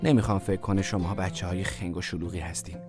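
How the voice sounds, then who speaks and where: A man voicing a stern mother who scolds her children in a hushed, firm voice. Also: low voice, steady tone, over music, lightly acted. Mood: scolding.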